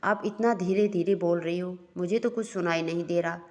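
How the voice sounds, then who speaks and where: A woman's voice: on the low side, steady tone, normal speed, a little mellow, in a large hall, lightly acted. A woman voicing a young married man who playfully complains to his grandmother in a read-aloud story. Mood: mock-complaining.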